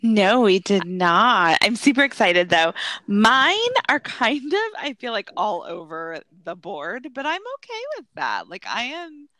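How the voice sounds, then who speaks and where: Bright, very animated woman co-host. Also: mid-range voice, a little slow, no room sound. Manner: informal, playful, giggly, frequent hesitations. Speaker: podcast co-host. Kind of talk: casual chat.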